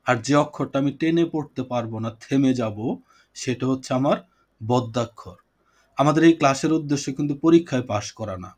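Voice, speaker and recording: Over a video call, a man teaches a poetry class, patiently explaining points, repeating them, and putting questions to his students. His mid-range voice moves a little fast.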